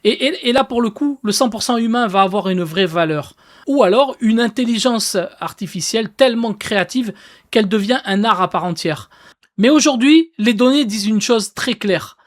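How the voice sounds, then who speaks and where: A woman's voice: fairly high pitch, moderate pace. A woman giving a casual explainer about AI, talking emphatically and directly to viewers with lots of fillers. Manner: emphatic, animated with fillers like "du coup" and "bah"; addresses viewers directly and informally. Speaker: AI content creator.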